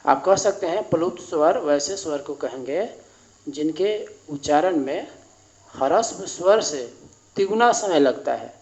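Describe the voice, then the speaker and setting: A man teaching a grammar lesson at a board, explaining slowly and repeating each definition. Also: a little high, expressive, darkish tone, poor audio.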